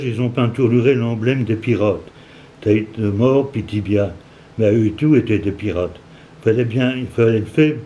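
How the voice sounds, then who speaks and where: A man in his seventies from Normandy, France, reads a story aloud in dialect with a Cauchois accent, sometimes halting, restarting and adding asides. His voice is medium in pitch and warm, over a little hiss or hum.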